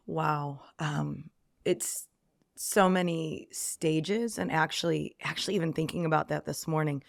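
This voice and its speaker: Her voice low and creaky, a woman sharing a reflective faith testimony as a podcast guest often says "um" and voices her old thoughts as quoted lines. The recording is dry and the studio sound is clean.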